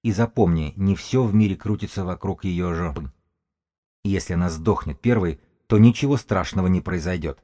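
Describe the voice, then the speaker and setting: A small, wiry runner, as a man voices him, argues with insistent, cutting force. The voice stays low and mellow in this audiobook reading. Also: moderate pace, close to an everyday voice. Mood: angry. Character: small, wiry, angry male runner, sharp-minded.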